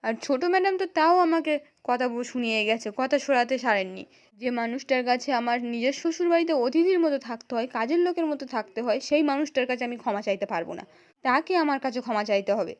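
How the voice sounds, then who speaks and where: A woman's voice: sits high, lively intonation, fast. A woman with a West Bengal accent voicing a proud, bitter young wife who talks back indignantly. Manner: indignant, accusing.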